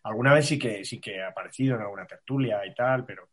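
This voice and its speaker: A man's voice: on the low side, quick pace, a crowd in the background. A man with a Spain accent chatting as a panelist, hesitantly repeating words as he builds a thought. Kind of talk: casual panel chat.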